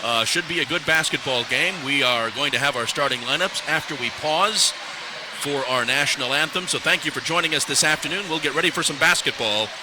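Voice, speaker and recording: A man's voice: on the high side, brisk. A man opening a college basketball broadcast as play-by-play announcer, in an easygoing, chatty manner. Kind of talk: sports broadcast intro. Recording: noisy arena ambience.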